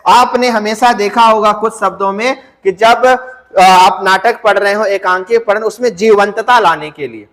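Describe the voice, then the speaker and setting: A man's voice: high voice, fairly bright tone, big-room sound. A male teacher giving an exam-prep lecture, who poses questions, answers them himself, and stretches words out to demonstrate.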